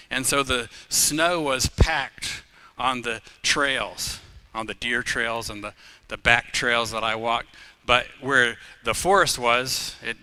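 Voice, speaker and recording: A middle-aged pastor raised in Uganda preaches a live sermon, weaving in humorous personal stories and raising his volume on key phrases. His medium-pitched voice has a clean tone, though the recording itself is rough.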